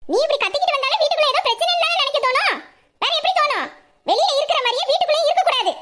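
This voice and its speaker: A nagging middle-aged mother scolds her grown children in a very high voice, as a woman plays her. She fires off her complaints at breakneck speed. It is a home audio drama. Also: animated, racing, bright, forceful tone, full character voice. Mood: scolding.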